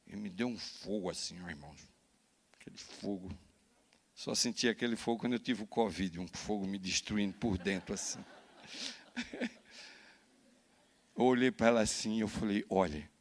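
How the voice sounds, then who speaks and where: A Brazilian man, a pastor, telling a personal story in a sermon, animated and often adding "né?" to his lines. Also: lowish voice. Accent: Brazilian Portuguese. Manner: animated storytelling with frequent "né?" tags. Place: church.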